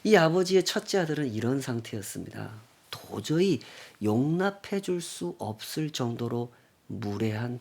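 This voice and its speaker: Guy pastor preaching, gravelly voice, swoops up and down a lot, asks the crowd questions. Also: mid-range voice. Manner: emphatic preaching with rhetorical questions, swinging from loud to near-whisper. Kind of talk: Sunday sermon.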